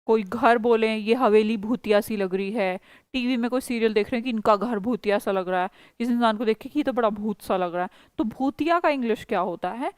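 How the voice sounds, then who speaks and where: A young woman teaches a spoken English lesson, her high voice smooth and clear. She asks questions, repeats them, and spells out example sentences at a slow, deliberate pace. The recording is close and dry. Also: dry recording. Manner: explains patiently, repeats questions, models English sentences slowly. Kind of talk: online class teaching, mixing Hindi and English.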